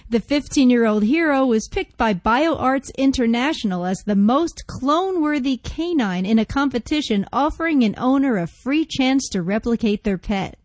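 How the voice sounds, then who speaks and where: A woman reading a scripted news item as a reporter, with a crisp, even delivery. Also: a little high, no echo, studio quality.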